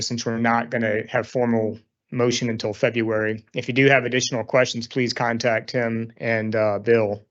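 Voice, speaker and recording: A man chairing a meeting in an auditorium, briskly moving the agenda along. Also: mid-range voice. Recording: dull lo-fi meeting recording.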